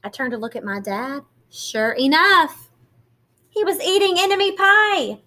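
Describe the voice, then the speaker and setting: A woman reading a children's picture book aloud in an expressive, teacherly way, pausing to put questions to young listeners. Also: very high-pitched. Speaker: read-aloud storyteller.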